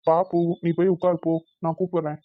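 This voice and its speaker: A woman's voice: on the low side, level tone, fast talker, no room sound, lightly acted. A woman voicing an easygoing young husband and big brother in a Tamil cartoon, with a colloquial Tamil Nadu accent, grumbling and coaxing. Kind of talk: cartoon voice acting. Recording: thin phone-like dry sound.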